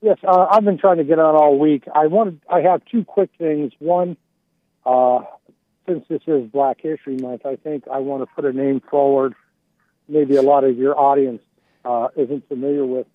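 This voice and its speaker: A male caller on a call-in radio show comes through a muffled, bass-heavy phone line that sounds distant from the receiver. His voice sits a touch higher than most men's, narrowed to a thin, tinny band, and he speaks politely, addressing the host as sir. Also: fairly even intonation, normal speed, no echo. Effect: muffled, bass-heavy phone line that sounds far away. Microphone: phone held away from the mouth.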